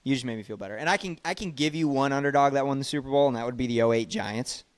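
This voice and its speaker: A man's voice: medium pitch, very fast, no echo. A young man hosting a sports podcast, leading the talk and making emphatic points with scores and stats. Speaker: podcast host. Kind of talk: casual sports podcast chat.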